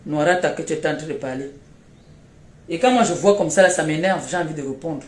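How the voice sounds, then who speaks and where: A woman's voice: deep voice, lively intonation, fast, reverberant. A woman with a Cameroonian French accent, feeling unwell, scolding and mocking someone in repetitive jabs during a phone live stream. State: unwell, tired.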